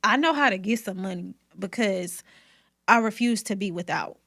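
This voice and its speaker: A woman speaks in an emphatic, testifying way, her voice pitched in the middle range. She is a hairstylist guest telling her story in candid, conversational talk with a lot of faith in it. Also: moderate pace, a bit bright.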